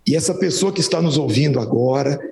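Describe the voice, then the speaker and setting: Man interviewer, gravelly, gentle prompting questions. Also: on the high side, lively intonation, fast. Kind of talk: church interview.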